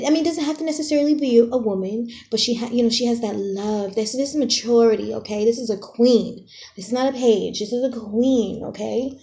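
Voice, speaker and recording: A woman gives a relaxed tarot reading straight to her viewers. Her voice sits a little high with a warm, mellow tone. She talks in a chatty, frank way, drops in playful slang and keeps asking "okay?". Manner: chatty and direct, often checks in with "okay?". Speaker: tarot reader.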